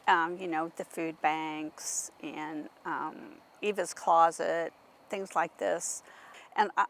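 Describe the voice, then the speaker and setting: Woman from the church talking, lots of ums, low and super gravelly voice. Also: fairly even intonation, a little hiss or hum. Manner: earnest, halting, many fillers. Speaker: church member guest. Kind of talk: casual interview chat.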